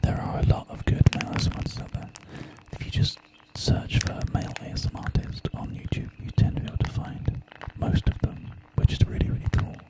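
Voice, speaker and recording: A man's voice: a little fast, hardly any pauses, rough recording. Whispering male ASMR streamer. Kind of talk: whispered ASMR, chatting with live stream viewers.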